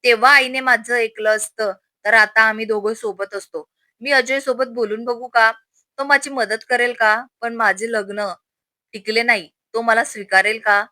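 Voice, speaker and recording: A woman's voice: a little high, steady tone, normal speed, sharp tone, no echo, studio quality. A woman voicing a heartbroken young woman who questions herself in a wistful inner monologue.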